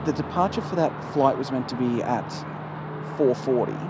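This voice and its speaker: A man's voice: mid-range voice, moderate pace. A man talking casually on a live stream. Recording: outdoor traffic and urban noise. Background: city and vehicle noise.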